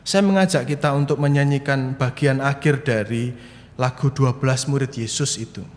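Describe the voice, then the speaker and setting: A man's voice: medium pitch, moderate pace, a little mellow. A young male preacher giving a sermon, chatty and storytelling, talking to the congregation at home. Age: young adult. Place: church, streamed to people at home. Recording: reverberant church hall.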